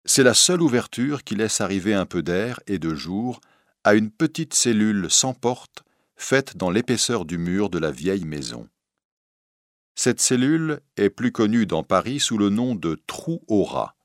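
A man reading a story aloud in scripted narration, expressive and storytelling. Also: on the low side, unhurried, no echo, clean studio sound.

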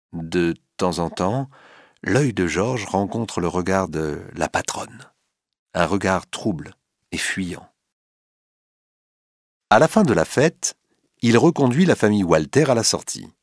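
A male storyteller with a low voice reads a classic novel aloud, swinging his pitch widely to dramatize the scenes. The sound is dry and close to the mic. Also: no echo. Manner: expressive, dramatic reading. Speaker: narrator. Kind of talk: storybook narration.

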